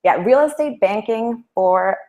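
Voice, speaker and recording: A woman's voice: mid-range voice, lively intonation, slow pace, phone-quality sound. A woman from El Salvador, a guest in an interview, answering in a friendly, chatty way. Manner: friendly, chatty, with small laughs.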